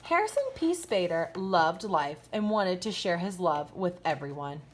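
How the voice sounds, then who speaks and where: Reading a children's picture book aloud, a woman teacher uses a lowish voice with lively, swinging intonation, stressing key words and pausing to ask her young listeners questions. It's an expressive storytime with asides, and faint noise lingers behind her.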